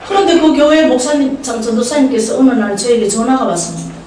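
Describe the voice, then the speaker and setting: An older woman, a prayer house director with a Gyeongsang Korean accent, preaches a humorous storytelling sermon in a church sanctuary, chatting with the congregation and asking them questions. Her voice is fairly high, fast, and a little mellow, with slight background noise. The recording is poor, captured on a distant mic in an echoey church hall.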